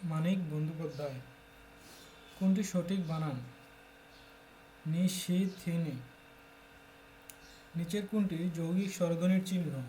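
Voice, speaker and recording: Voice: mid-range voice, steady tone, a little slow, long pauses, warm tone, slight background noise. A tutor from Bangladesh steadily reading exam questions aloud and announcing each answer in turn.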